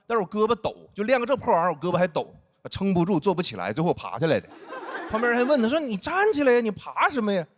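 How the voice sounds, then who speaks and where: A man's voice: high voice, big pitch swings, racing. A man doing stand-up on stage, telling stories and acting out his friends' teasing. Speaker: stand-up comedian and head writer. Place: stage before a live audience. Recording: stage mic with audience laughter and noise.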